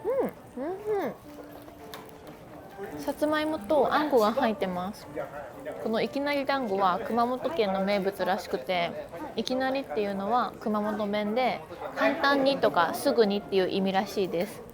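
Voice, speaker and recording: A woman chatting casually through a travel vlog, playful and quick with self-deprecating jokes while she walks around sightseeing. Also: mid-range voice. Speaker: travel vlogger. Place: out and about sightseeing in a city. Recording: background music under voice.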